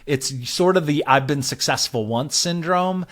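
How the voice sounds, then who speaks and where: As an interview guest on a podcast, a growth advisor offers advice in a relaxed, organized manner with conversational fillers. He speaks a little slowly in a fairly high, somewhat bright voice.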